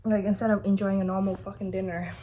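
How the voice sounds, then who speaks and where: A woman's voice: medium pitch, level tone, quick pace, warm tone, slight background noise, poor audio. A woman chatting casually to viewers as a food challenge vlogger, sounding exasperated and questioning herself. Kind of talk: casual chat to viewers while eating.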